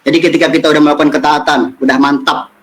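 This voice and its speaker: A man teaching a children's religious lesson, telling stories lively and acting out friends' lines. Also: on the high side, rough recording. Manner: lively storytelling, acts out friends' lines, recites Quran verses slowly.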